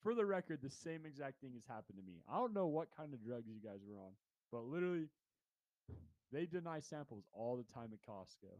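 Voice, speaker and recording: Young male podcast co-host, mid-pitched, dry close mic, punchy slang. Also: sing-song, a little fast, a little mellow, no echo, dull audio. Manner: emphatic, slangy. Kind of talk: casual podcast chat.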